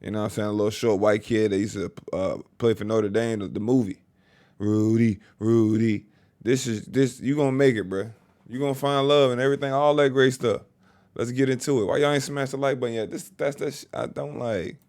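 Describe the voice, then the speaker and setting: A man's voice: mid-range voice, fairly even intonation, a little fast, darkish tone. A man hosting a reaction video, chatting casually in slang and hyping up the person on screen. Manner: chatty, slangy, hypes the viewer.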